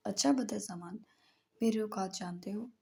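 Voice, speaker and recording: A woman's voice: medium pitch, moderate pace, creaky, dark tone, slight background noise, close to an everyday voice. A woman voicing a playful, stubborn young man in an audiobook, coaxing and teasing. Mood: mocking.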